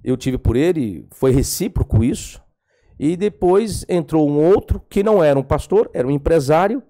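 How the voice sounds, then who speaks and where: A man speaks as a podcast guest, telling stories about his years teaching. His pitch sits a little above the usual and swings widely as he acts out conversations. The tone is mellow and dark. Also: moderate pace. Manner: animated, acts out dialogue. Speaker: podcast guest, theology professor. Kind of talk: storytelling interview.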